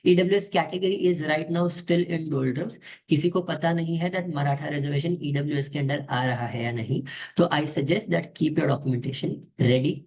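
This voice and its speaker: Man, high-pitched voice, casual tutor, direct, informal. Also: unhurried, darkish tone. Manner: direct, mixes Hindi and English, addresses viewers informally. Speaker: exam coaching tutor. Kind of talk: casual explainer lesson.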